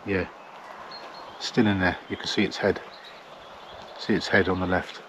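Middle-aged English man, low and level delivery, casual outdoor vlog, arm's-length camera. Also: flat delivery, measured pace, background noise. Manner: plain, chatty, matter-of-fact. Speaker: wildlife photographer. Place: outdoors in a field by trees.

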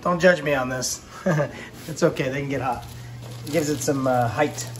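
This fishing vlogger, a man in his forties, chats casually while cooking fish at home, recorded on a handheld phone. He speaks at medium pitch and a moderate pace in an easygoing, talkative manner.

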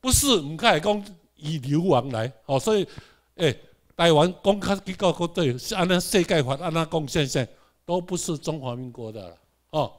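A man's voice: on the high side, animated, moderate pace. A man with a Taiwanese accent giving a classroom lecture, asking the audience rhetorical questions and having them repeat words. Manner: mixes in English words.

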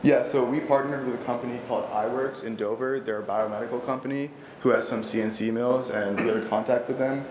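A teenage boy speaks at a lectern microphone in a large indoor school library meeting room, presenting his robotics team to the school board. His medium-pitched voice holds a steady tone at a quick pace with few pauses, eager and earnest though full of fillers and restarts. The room is echoey, with faint background noise.

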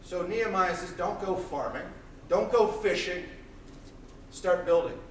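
An intense man in his thirties preaches a sermon, pacing and raising his voice. His voice sits fairly high for a man. The sound comes from far off across a roomy church hall, with a faint hiss behind it. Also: a little slow. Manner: intense and loud, pacing the stage. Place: small church hall, indoors. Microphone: far camera, room mic.

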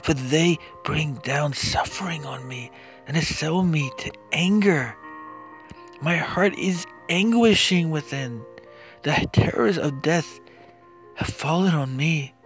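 A man's voice: fairly high pitch, slow, a bit bright. A man giving a solemn, impassioned, dramatized biblical narration of a psalm as a scripture reader. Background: music.

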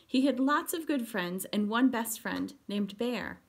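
A woman, a pre-K teacher, reading a picture book aloud to children, explaining the pictures gently. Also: on the high side, expressive, a little slow, vocal fry.

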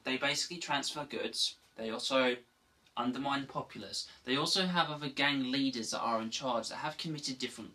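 A gaming video host gives a casual, unscripted recap of a game's story, rambling, restarting sentences and wandering into asides. His medium-pitched voice is bright and forceful, and since he sits a bit back from the mic, he sounds slightly distant.

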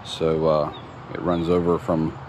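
An extremely low-pitched man speaks at a measured pace while showing off his build, narrating a casual walkthrough of the plumbing at his home's construction site. His relaxed, plain-spoken talk includes many ums, and the outdoor phone audio, recorded as he walks, has obvious background noise.

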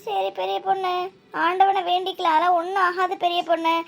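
A woman doing a gentle, motherly cartoon aunt with a very high, light voice. she speaks in a soothing, consoling way throughout. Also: flat delivery, brisk, gravelly. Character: comforting middle-aged aunt, sister-in-law. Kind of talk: cartoon voice acting.

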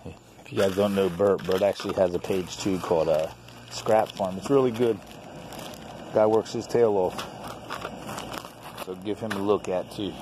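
A middle-aged man with a low, dark, steady voice speaks at a moderate pace and pauses often. A toy collector and store owner, he hosts a vlog, casually showing things off in short, folksy, offhand phrases as handheld show-and-tell. He records on a handheld phone from behind the camera, outdoors in a backyard and cluttered storage shed, and the audio is clearly noisy.

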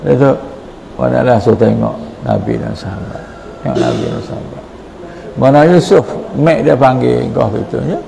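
A man's voice: medium pitch, very animated, moderate pace, vocal fry, dark tone, poor audio. A man preaching a morning sermon in a Patani Malay accent, telling stories and quoting prayers and dialogue. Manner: storytelling, quotes prayers and dialogue. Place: mosque hall.

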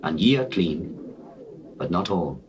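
A man playing Jesus as a solemn, authoritative teacher, speaking in measured, declamatory phrases in a dramatized King James Bible reading. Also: deep voice, expressive. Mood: gentle, instructing. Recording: noisy old cassette recording.

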